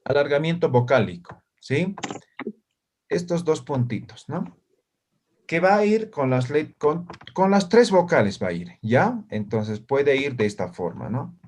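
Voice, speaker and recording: Slow, lively-pitched male teacher. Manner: checks in constantly with short questions to students. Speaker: language teacher. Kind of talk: classroom lesson. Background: students answering in the room.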